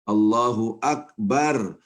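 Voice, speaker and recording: Man preacher, mosque sermon, somewhat low voice, acts out scenes in different voices. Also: extremely slow. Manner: lively, acts out little scenes with mimicked voices. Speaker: ustadz, preacher.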